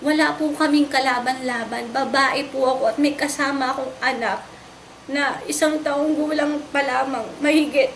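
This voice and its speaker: A young woman giving an emotional, distressed testimony, polite and halting, often repeating herself. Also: high-pitched, steady tone, a little hiss or hum. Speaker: wife recounting a raid on her home.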